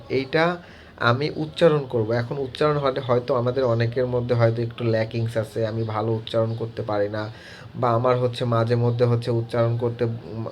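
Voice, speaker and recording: A man's voice: mid-range voice, a little hiss or hum. Man teaching, full of filler words. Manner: halting, heavy use of filler words. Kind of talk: screen-recorded app tutorial.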